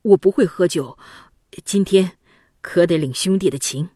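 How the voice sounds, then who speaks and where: A woman's voice: fairly low pitch, unhurried, warm tone, breathy edge, no room sound, clean studio sound. A woman reading as a grieving young prince. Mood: earnest. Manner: pleading, cries out in anguish. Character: young male prince, loyal, grief-stricken elder brother. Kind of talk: storybook reading.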